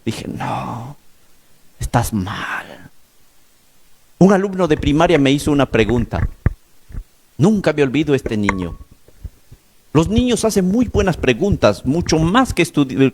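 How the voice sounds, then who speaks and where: Male preacher, slightly sore throat, fairly high pitch, emphatic storyteller. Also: very animated, moderate pace. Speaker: pastor. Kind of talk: sermon.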